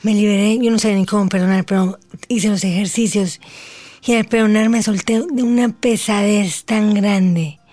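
A Mexican woman in her forties, an interview guest telling her own story in slow, deliberate speech with an unusual articulation. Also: medium pitch, fairly even intonation, warm tone. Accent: Mexican Spanish. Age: 40s.

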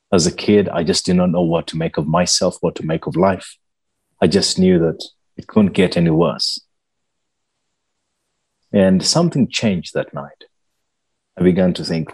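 A man from Uganda recounts his childhood as a guest. His voice sits very low and carries a husky edge. He speaks slowly and earnestly. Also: darkish tone. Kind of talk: personal storytelling in an interview.

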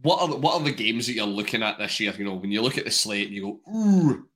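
A man's voice: lowish voice, animated, fast talker, bright, forceful tone. A man with a Scottish accent hosting a casual chat, teasing and playful in his questions. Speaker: podcast host.

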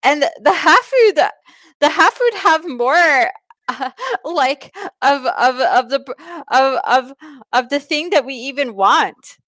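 Lady doing a foreign advice lady, broken english, keeps restarting, sharp dry voice. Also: high-pitched, animated, no room sound, exaggerated voice. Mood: deadpan advice. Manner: broken grammar, halting repeated restarts. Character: foreign woman giving self-care tips in broken English. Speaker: comic advice giver. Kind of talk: improvised comedy bit.

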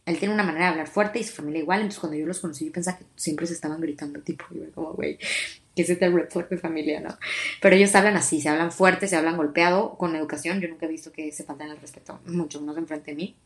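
Young mexican girl rambling on her podcast, kinda low voice, lots of "o sea" and restarts. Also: steady tone, very fast, hardly any pauses. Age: 20s. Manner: chatty and confiding, many fillers and restarts. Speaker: podcast host. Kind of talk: casual personal podcast monologue.

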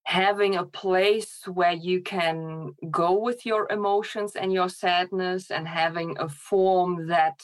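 A middle-aged woman from Poland, speaking as a scholar guest in an interview, thoughtful with light laughs. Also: medium pitch. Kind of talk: podcast interview.

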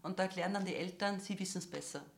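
A woman's voice: lowish voice, fast talker, creaky. A woman, a therapist guest explaining her views earnestly in an interview, building her points through examples. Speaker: psychotherapist or psychiatrist guest.

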